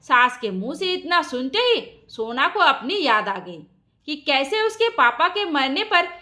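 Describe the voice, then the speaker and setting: A woman narrating an emotional family story in a steady, expressive storytelling voice. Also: high voice, unhurried.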